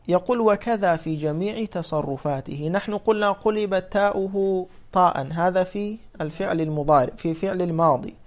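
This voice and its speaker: A man's voice: fairly high pitch, a little mellow. A man giving a classroom explanation, often asking students whether they follow and then answering his own questions. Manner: asks the class questions and answers them himself; repeats points slowly and emphatically. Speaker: teacher of Arabic morphology.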